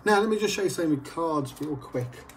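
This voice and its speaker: A man's voice: fairly high pitch, lively intonation, fast talker, a little hiss or hum. A man performing as a children's party magician, telling stories and explaining each trick step by step to a child.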